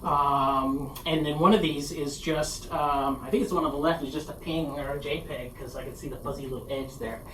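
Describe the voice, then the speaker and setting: A halting, casual presenter talks through a conference session, self-deprecating and loose. The voice sits at a middling pitch and comes from a distance, picked up across a roomy, echoing space with a faint hiss underneath. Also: fairly bright tone. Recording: echoey room, distant mic, faint noise.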